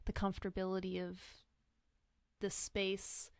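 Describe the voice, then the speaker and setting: A woman's voice: medium pitch, completely flat delivery, a little slow, clean tone, no room sound, clean studio sound. A woman talking candidly and reflectively in a podcast conversation, sometimes acting out what other people said to her. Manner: earnest, reflective, acts out quoted voices. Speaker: guest sharing grief experience.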